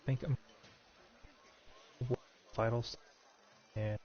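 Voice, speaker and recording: A man's voice: medium pitch, steady tone, drawn-out words, over music. A man streaming a video game, talking casually and jokily as he plays. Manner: chatty, rambling, jokey. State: has the hiccups. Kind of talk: casual gameplay commentary. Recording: dull lo-fi mic with noisy background.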